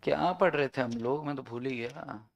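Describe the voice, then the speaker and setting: A man's voice: mid-range voice, normal speed, creaky. A man teaching a law class online, joking and bantering with his students.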